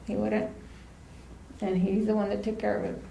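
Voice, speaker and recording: Speaking as a former ambulance partner, a woman shares a eulogy full of anecdotes, chatting and laughing and slipping Spanish phrases into her English. Her medium-pitched voice is creaky and dark, with little pitch movement and a moderate pace. The echoey chapel recording has faint ambience and a little hiss or hum.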